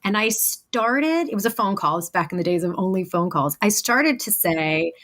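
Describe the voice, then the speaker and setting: A woman in the guest seat of an interview shares her experience as a business coach. She speaks reflectively and earnestly, and her pitch sits in a middle range. She sounds like she is telling a story in a relaxed conversation. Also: normal speed.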